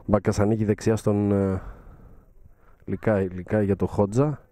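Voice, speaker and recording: A man with a fairly low, warm, rounded voice calls a football match live. He talks at an even, measured pace, often stopping to hesitate before a player's name. His tone stays steady and informative. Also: dry recording. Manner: measured, with frequent hesitation fillers.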